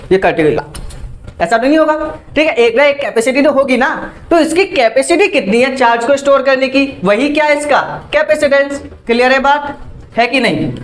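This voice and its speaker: A man teaching a physics class online, repeating phrases and asking quick check questions as he explains, mixing in English terms. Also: very high voice, fairly bright tone. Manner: mixes Hindi with English terms.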